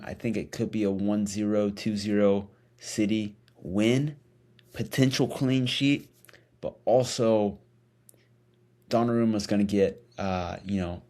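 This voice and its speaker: Casual male vlog host, lowish voice, speech slightly impeded by a dental retainer, hesitant and self-correcting. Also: darkish tone. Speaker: host of a fantasy football vlog. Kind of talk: casual solo commentary.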